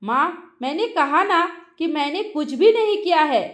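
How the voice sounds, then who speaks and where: A woman voicing a calm young married man defending himself, in a roomy echo. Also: high voice, measured pace. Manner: calm, steady.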